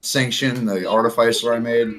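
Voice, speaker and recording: A man's voice: mid-range voice, steady tone, moderate pace, a crowd in the background. A man chatting casually as a player in a tabletop game, rambling with many fillers and restarts.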